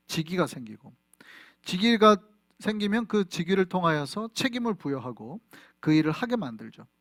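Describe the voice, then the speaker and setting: A man's voice: fairly high pitch, dry recording, studio quality. A middle-aged man, a pastor, preaching a sermon in a conversational way and often asking the congregation questions. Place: church in Flushing, New York.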